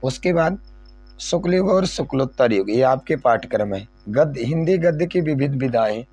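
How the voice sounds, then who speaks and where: A man's voice: mid-range voice, animated, moderate pace, a little mellow. A male teacher going over an exam syllabus, repeating key points and asking questions he then answers himself. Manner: repetitive, asks and answers own questions.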